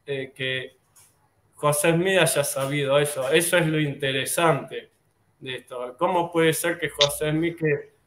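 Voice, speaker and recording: A man with a Rioplatense Spanish accent talks through an idea in a loose, casual way. He rambles, restarts his sentences and fills the gaps with hesitations, in a slightly high voice. The room around him is echoey. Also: steady tone, unhurried, fairly bright tone, a little hiss or hum. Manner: rambling, with many fillers and restarts. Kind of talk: casual explanatory talk.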